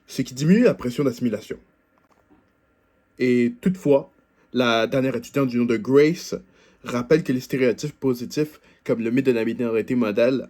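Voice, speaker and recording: A man's voice: medium pitch, dark tone. A young man, a student, interviewing classmates with eager questions and then giving scripted commentary.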